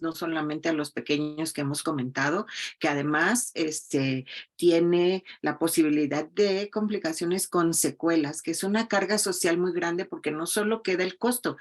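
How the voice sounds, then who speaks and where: Low-voiced woman doctor. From Mexico. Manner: hesitant, many fillers and restarts. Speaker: physician panelist. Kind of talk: panel discussion.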